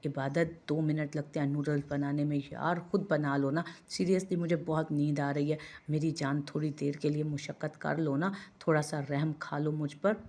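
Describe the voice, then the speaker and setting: Sleepy lovestruck young husband, read by a woman, pleading softly, deep-ish voice. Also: steady tone, moderate pace, few pauses. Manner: coaxing, pleading.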